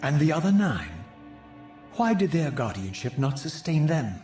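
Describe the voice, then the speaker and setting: A tormented undead wraith broods in formal, theatrical lines, his pitch swinging widely. The voice echoes over music, bitter and questioning, in the manner of a gothic fantasy game. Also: very animated, moderate pace, a little mellow. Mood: probing. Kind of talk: dramatic video game voice acting.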